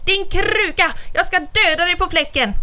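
A woman's voice: medium pitch, steady tone, natural voice. A woman voicing a fierce, hungry male tiger in a storybook tale, growling and snapping. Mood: furious.

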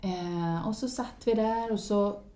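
A woman in casual spoken storytelling who laughs often and swings into lively exclamations. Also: medium pitch. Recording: roomy echo.

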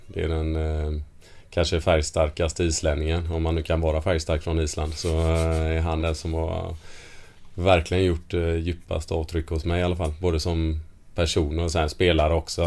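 Deep-voiced man telling laughing anecdotes. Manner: animated anecdotes, laughs often. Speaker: football player guest. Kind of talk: casual storytelling interview.

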